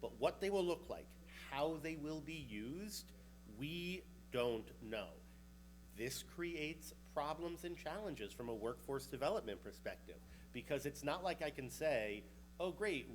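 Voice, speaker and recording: At a conference, a New York-accented researcher talks about vehicle technology in a casual, chatty way, joking now and then. His voice is fairly high and animated at a measured pace. The audio is poor, with slight background noise.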